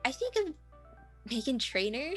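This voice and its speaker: A woman's voice: sits high, big pitch swings, unhurried, a bit bright, faint music behind. A nineteen-year-old woman interviewed over a video call, rambling casually with lots of fillers and self-deprecating asides.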